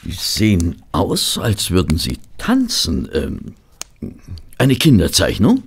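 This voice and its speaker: An actor playing a mild, bemused gentleman doctor, a detective's companion in an audio drama, hesitant and polite. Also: deep voice, huge pitch swings, takes it slowly, vocal fry, a little hiss or hum, full character voice. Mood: puzzled. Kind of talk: German audio drama acting.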